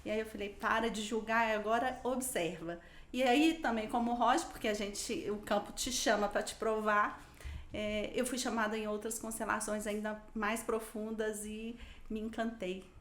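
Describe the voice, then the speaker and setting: A woman's voice: medium pitch, little pitch movement, moderate pace, echoey room, a little hiss or hum. A woman guest telling a personal story in casual conversation, animatedly quoting her own thoughts. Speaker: podcast guest.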